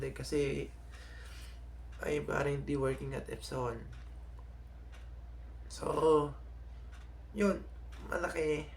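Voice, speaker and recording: Young filipino guy vlogging, slow and halting, kinda gravelly, lots of restarts, faint noise behind. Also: fairly high pitch. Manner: halting, many restarts and self-corrections. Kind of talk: casual vlog talk to subscribers.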